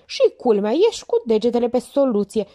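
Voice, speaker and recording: A woman voicing a bossy, sharp-tongued policewoman in an audiobook, raised in pitch and loud. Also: huge pitch swings, heavily acted. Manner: brusque, scolding, loud.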